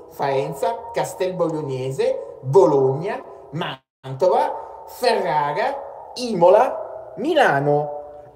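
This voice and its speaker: A man on a live stream putting on a train station announcer, reading out stops in a slow, drawn-out formal way. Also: sits high, echoey room, noisy background. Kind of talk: joking live stream impression.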